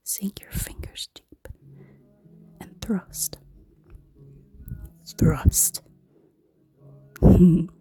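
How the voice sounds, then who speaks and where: Woman playing a slow, dark-toned succubus who whispers low and breathy, with faint music behind. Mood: teasing whisper. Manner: slow, teasing, commanding. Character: seductive, menacing female succubus. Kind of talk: erotic audio roleplay.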